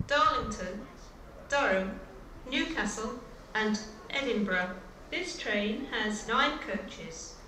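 Female station announcer, slow and formal train station announcement, distant over noisy ambience. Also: a little high. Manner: formal, segmented announcement delivery. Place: train station, over public address speakers. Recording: echoey distant station tannoy with loud ambience.

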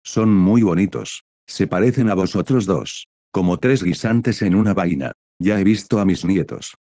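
A man voicing an older female village leader who is a proud grandmother, in a warm, brisk manner in a read-aloud fan story. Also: low voice, dry recording, clean studio sound, natural voice. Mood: fond.

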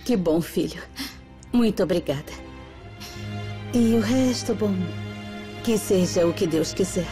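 A woman's voice: medium pitch, measured pace, pauses often, warm tone, lightly acted. An actress dubbing an anguished middle-aged mother in a telenovela, pleading and tearful. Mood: tender. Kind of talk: dubbed telenovela acting. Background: music.

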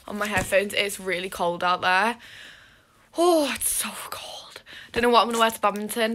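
A woman's voice: mid-range voice, fairly bright tone. A young woman chats to her camera in a loose, rambling way, often poking fun at herself. Her voice sits in a middle register, and a faint hiss runs under the recording. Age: young adult. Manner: chatty, rambling, self-deprecating. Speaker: vlogger. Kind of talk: casual vlog chat. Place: at home, then outdoors.

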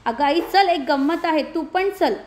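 A woman's voice: high-pitched, expressive, unhurried, darkish tone, slight background noise. A woman voicing a clever young village girl in a read-aloud storybook lesson, speaking in an indignant schoolgirl tone. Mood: coaxing.

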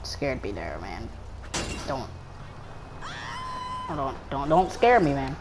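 A woman giving casual gameplay commentary, excitable and rambling, often stumbling and repeating her words. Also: rumbling low, slow, noisy background.

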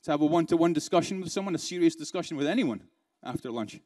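A keynote speaker addresses a live audience in a conference hall, his slightly raised, darkish voice moving very fast with lively intonation. Interactive and playful, he fires rhetorical questions at the crowd and chuckles between points.

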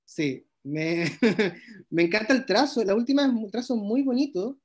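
A man's voice: sits high, animated, measured pace, noisy background. A man teaching an illustration workshop over a video call, praising students' drawings with lots of enthusiasm and frequent restarts.

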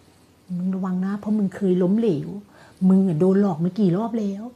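A woman voicing a sinister female inner demon that taunts with doubts in a low, slow, quiet voice. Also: fairly even intonation, slightly rough, highs cut off, natural voice. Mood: menacing.

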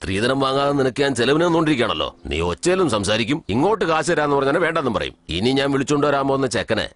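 A man's voice: medium pitch, very animated, fast, fairly bright tone. An actor playing a stern, commanding father in film dialogue. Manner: gruff, commanding. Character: stern father, threatening and bossy.

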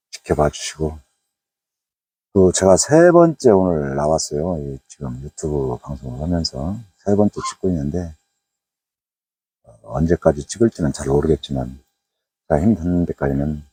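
A man's voice: very deep voice, lively intonation, unhurried, long pauses, dark tone, husky, no echo. A middle-aged man with a Jeolla Korean accent talks through a fishing vlog outdoors by a waterway at night, rambling and chatty with many fillers. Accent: Jeolla Korean dialect. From Jeolla province, Korea. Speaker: fishing YouTuber. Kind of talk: casual fishing vlog narration.

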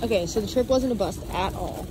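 This twenty-something vlogger speaks in a mid-range voice at a brisk clip, chatting upbeat and casual with plenty of "like" and "literally." She's filming on a phone at arm's length inside a big warehouse store, and the audio is very noisy.

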